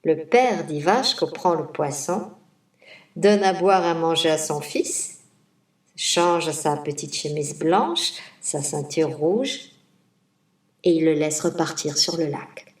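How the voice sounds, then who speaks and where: Woman storyteller, folk tale, slow rhythmic telling, roomy echo. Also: deep voice. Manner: slow, rhythmic, savoring listed words. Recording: roomy, distant mic.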